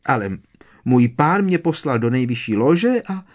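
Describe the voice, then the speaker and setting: A man voicing a tiny, servile female house-elf with a squeaky, trembling voice, reading a storybook. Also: very animated, lightly acted. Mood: anxious. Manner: fearful, deferential, keeps saying sir.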